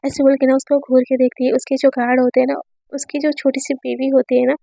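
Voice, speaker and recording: A woman's voice: sits high, little pitch movement, fairly quick, vocal fry, mellow, no echo. A young woman telling a romance story in a chatty, casual way, using many fillers. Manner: chatty, lots of filler particles. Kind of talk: casual spoken story narration.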